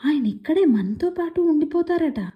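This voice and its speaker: A woman's voice: high-pitched, lively intonation, normal speed, dull audio, voice pushed up. A woman voicing a sulky, sarcastic teenage girl who whines and mocks. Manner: petulant, mocking.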